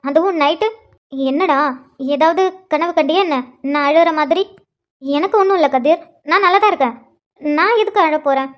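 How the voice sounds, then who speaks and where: Woman doing a sweet big sister in a cartoon, dodging questions, real high voice. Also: quick pace, long pauses, lightly acted. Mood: evasive. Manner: affectionate, deflecting, hesitant. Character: tender, evasive elder sister. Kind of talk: cartoon voice acting.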